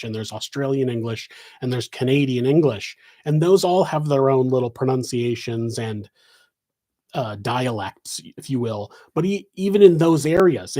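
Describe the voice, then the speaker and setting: A warm, mid-range male voice belongs to a podcast host taking questions live. He has a West Coast American accent and replies in a relaxed, meandering way, often restarting and using fillers.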